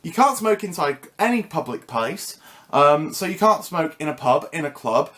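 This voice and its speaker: A man's voice: on the high side, big pitch swings, moderate pace, fairly bright tone. A British man vlogging casually to camera, with a cheeky, sarcastic, ranting manner. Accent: British English. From Britain.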